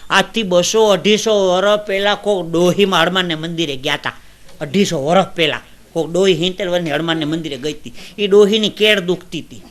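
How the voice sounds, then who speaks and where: A man tells folk comedy stories in a high, bright, ringing voice. He moves between hushed, confiding asides and loud, emotional declaiming, and he chants rhymes in a sing-song lilt. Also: a little fast. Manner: swings from hushed asides to loud emotional declaiming, laughing at his own jokes. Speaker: stand-up comedian. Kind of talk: Gujarati folk stand-up storytelling.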